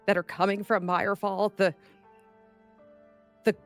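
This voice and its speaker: A player voicing a woman cleric who has been away a long time, speaking haltingly with many restarts. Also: mid-range voice, flat delivery, gravelly, soft background music. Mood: troubled. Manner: halting, repeats words. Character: woman, a worried cleric returned from long absence.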